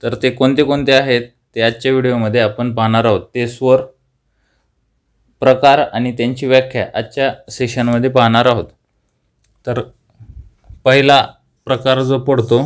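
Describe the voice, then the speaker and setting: A young man, Marathi-accented, delivers a grammar lesson where he pronounces key terms slowly, says them again, and answers his own questions. His voice is medium-pitched, with little pitch movement.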